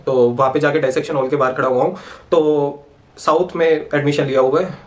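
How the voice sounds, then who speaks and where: A man's voice: fairly high pitch, fairly even intonation. A man, telling a casual story full of slang and swearing. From Punjab, India. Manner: rapid, slangy, swears freely. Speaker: vlogger, medical student.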